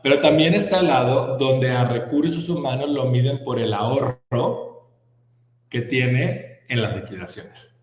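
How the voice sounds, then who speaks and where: A man's voice: medium pitch, measured pace. A man co-hosting a podcast in casual chat, hesitant and restarting words as he builds a point. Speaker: podcast co-host. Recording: echoey room with long reverb.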